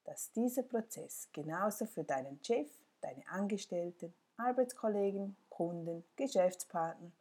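Low, husky woman narrating self-help. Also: mellow.

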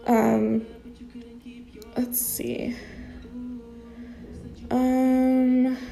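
A young woman with a high, gravelly, dark voice draws out her words with little pitch movement, over soft background music. She's a recovery sponsor sharing her experience in casual, unscripted vlog talk. With a stuffy, congested nose, she rambles spontaneously and leans on fillers.

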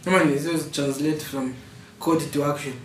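A man's voice: fairly high pitch, fairly even intonation, normal speed. A young Kenyan man in a casual, slangy debate, switching between Swahili and English in a Kenyan accent. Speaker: podcast co-host. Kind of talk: casual chat. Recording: roomy, distant mic, faint noise.

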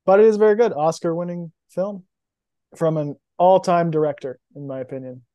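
Young man, podcast co-host, casual emotional chat, mellow tone, dry close sound. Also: on the high side, moderate pace, no room sound. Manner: emotional, enthusiastic about films.

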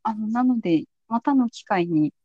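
A woman's voice: medium pitch, animated, normal speed, no echo, highs cut off. A woman hosting a podcast in a casual, conversational interview style. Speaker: podcast host.

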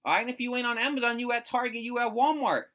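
A woman's voice: on the high side, fast, a bit bright. Profane, ranting woman host. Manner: repeats herself for emphasis. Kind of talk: casual solo rant.

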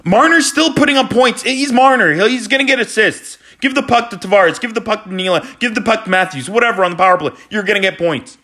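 A man in his forties ranting exasperatedly as a hockey fan after a loss, sometimes shouting. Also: high voice, animated, fast talker, hardly any pauses. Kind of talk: post-game fan rant.

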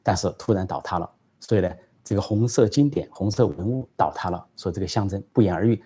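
A man's voice: sits low, fast talker, warm tone, slightly rough. A male channel host telling a joke and then answering viewer questions, with frequent hesitation fillers. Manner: plain storyteller, frequent fillers. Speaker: political commentary host.

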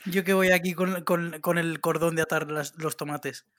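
A man banters with his co-host in mock-formal phrasing. His voice sits fairly high for a man. The recording is dry and close. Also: steady tone, normal speed, fairly bright tone, dry recording. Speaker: podcast co-host. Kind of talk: casual chat.

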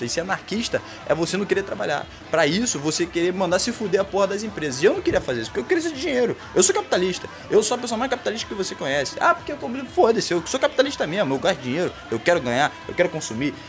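Fast, profane ranting Brazilian man. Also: sits high, very animated, faint music behind. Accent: Brazilian Portuguese. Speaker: comedy podcast host. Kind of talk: comedic rant monologue.

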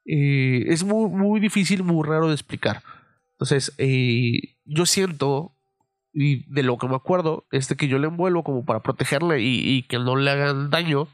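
A young man with a Mexican accent, telling a story casually on his podcast, swearing freely and filling pauses with "eh". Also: fairly high pitch, no room sound, studio quality. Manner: profane, loose, full of fillers. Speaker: podcast host.

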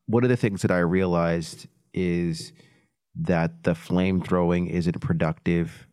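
Deep-voiced man speaking reflectively. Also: steady tone, takes it slowly, a little mellow, clear, resonant tone, dry recording, clean studio sound. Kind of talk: casual roundtable chat.

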